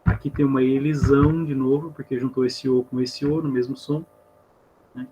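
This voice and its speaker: A man's voice: mid-range voice, little pitch movement, normal speed, mellow, slight background noise, rough recording. A man with a Brazilian Portuguese accent teaching an online literature class, patiently counting syllables step by step. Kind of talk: online class explaining poetry.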